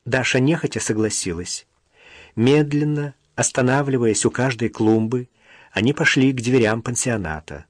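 A man narrating an audiobook in a steady, even storytelling manner. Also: medium pitch, moderate pace, no room sound, studio quality.

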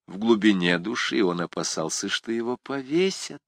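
A man narrating a literary novel with a dramatic, expressive delivery. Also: on the low side, normal speed, vocal fry, no echo. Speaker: audiobook narrator.

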